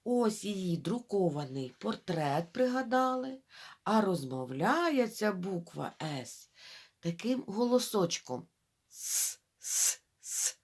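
A woman teaching young children to read, sounding out syllables slowly and talking straight to them. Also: mid-range voice, very animated, a little mellow, slightly rough. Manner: drawn-out syllable-by-syllable modelling of reading; addresses children directly, coaxing. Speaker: primary school teacher. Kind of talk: reading lesson for young children.

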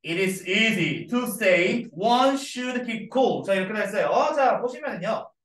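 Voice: mid-range voice, animated, slow pace, fairly bright tone. An English teacher giving a classroom grammar lecture to middle school students, repeating each point and checking in with them often. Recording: echoey room, mic far off.

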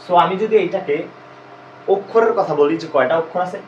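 A man's voice: sits high, a little fast, echoey room, dull audio, a little hiss or hum. Man teaching a grammar lesson. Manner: explains step by step, repeating questions to students.

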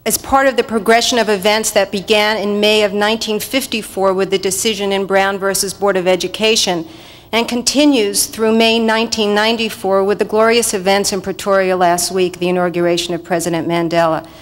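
A woman's voice: medium pitch, level tone. Woman giving a formal acceptance speech. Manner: measured, earnest delivery. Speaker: film producer accepting an award. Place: stage podium at an awards ceremony. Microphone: podium microphones.

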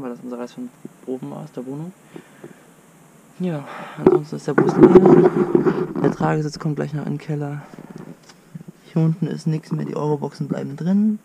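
A man's voice: on the high side, fairly even intonation, fairly quick, dark tone, rough recording. A young man, a student, vlogging casually outdoors and thinking aloud with fillers. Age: young adult. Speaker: travel vlogger. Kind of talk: casual vlog commentary. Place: outdoors by a lake, later beside a van. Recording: outdoor recording with clear noise. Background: clear outdoor noise.

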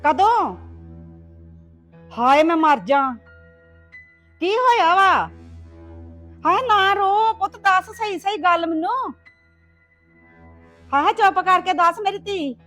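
Actress doing a worried village mom, sighs a lot, soothing her crying girl, high voice. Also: animated, takes it slowly, pauses often, fairly bright tone, soft background music, exaggerated voice. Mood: anxious comforting. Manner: wailing sighs, pleading and comforting. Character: anxious rural mother, soothing her crying daughter. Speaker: mother. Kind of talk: web series acting.

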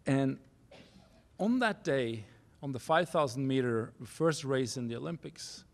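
A man in his forties from Norway with a Norwegian accent, giving a keynote speech at a university podium, earnest and halting, restarting phrases in non-native English. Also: medium pitch, animated, vocal fry. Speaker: keynote speaker. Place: university auditorium stage. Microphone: podium microphone.

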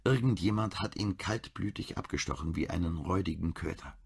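A weary, bitter husband in his mid-forties, as the male narrator plays him. His voice is very low and creaky. It sounds rough and husky. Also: a little fast, exaggerated voice. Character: 45-year-old man, drinking, grieving husband.

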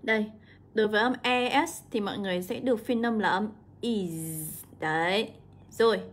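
A young woman, an English teacher walking students through an exam, drawing out example words slowly. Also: mid-range voice. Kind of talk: exam walkthrough lesson.

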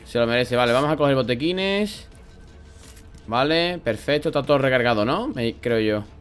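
Excitable Spanish gamer man, sore throat. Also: mid-range voice, moderate pace, smooth, soft background music. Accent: Spanish from Spain. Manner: excitable, swears a lot, bursts into loud shouts. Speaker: gaming YouTuber. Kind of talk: let's play commentary.

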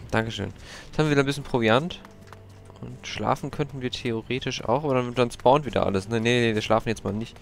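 A young man casually commenting while he plays a video game, chatty and prone to startled, high-pitched outbursts. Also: brisk, creaky, soft background music. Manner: chatty, exclaims and jumps to high-pitched yelps when startled. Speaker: let's play gamer.

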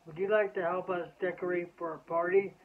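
A man's voice: sits high, level tone, fairly quick, far from the mic, slight background noise, close to an everyday voice. A man reading as a forgetful cheerful lady fish. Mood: scatterbrained. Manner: scattered, hesitant talk. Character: forgetful cheerful female blue tang fish. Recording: tinny lo-fi phone-like audio.

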